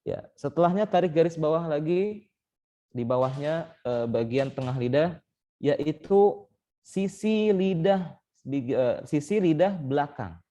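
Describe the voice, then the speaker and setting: Dark-voiced man teaching Quran recitation. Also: on the high side, animated. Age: young adult. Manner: explains step by step, often pauses with "eh" and "baik". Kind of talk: online tajwid lesson. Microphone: online call mic.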